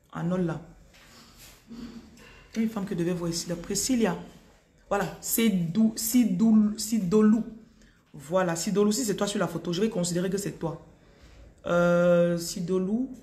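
A woman's voice: mid-range voice, darkish tone. A woman with a Cameroonian French accent reads viewers' energies on a live stream, repeating each name before she gives blunt advice. Her voice sits in the middle of the range. She talks into a phone in a room with a noticeable echo. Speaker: spiritual reader on a live stream. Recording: roomy echo.

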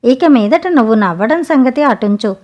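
A woman's voice: on the high side, expressive, moderate pace, darkish tone, highs cut off, natural voice. Woman narrator doing a blunt impatient fisherman. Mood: demanding. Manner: demanding, questioning.

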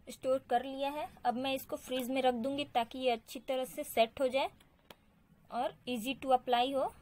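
A woman hosting a home beauty channel, narrating a do-it-yourself tutorial in a chatty way. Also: sits high. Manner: chatty, repeats "so guys". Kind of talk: DIY tutorial voice-over.

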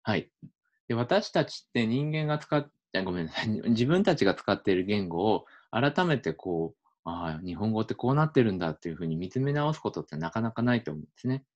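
With a lowish voice and a slightly quick pace, a male linguistics researcher explains things in a laid-back video lecture, musing aloud and filling pauses often.

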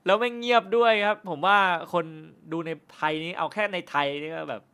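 This is a man running a film review live stream, talking loosely and jokingly with his audience. His voice sits slightly high and sounds bright and forward. He swears casually and now and then trips over his words when he speeds up. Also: lively intonation, smooth. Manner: says he stumbles and stutters when talking fast. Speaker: film review channel host.

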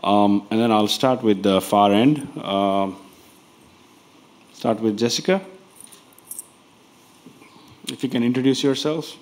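A man chairing a conference members meeting from a panel table, speaking in an unhurried, informal way. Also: fairly low pitch.

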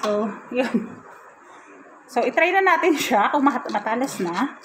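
A woman's voice: a little high, lively intonation, unhurried, background noise. A woman chatting casually in a home kitchen vlog, giggly and self-mocking. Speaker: vlogger.

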